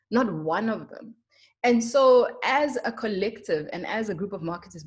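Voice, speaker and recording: A young woman with a South African accent gives a webinar presentation as a marketer. She speaks earnestly and with emphasis, often filling pauses with ums, at a mid pitch typical for a woman. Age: young adult.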